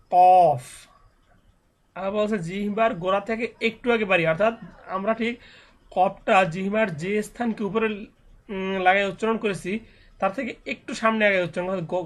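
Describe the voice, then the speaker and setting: A man teaching Quran reading, spelling out letters and syllables slowly and then explaining the pronunciation patiently. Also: high voice. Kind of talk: slow spelling drill and explanation.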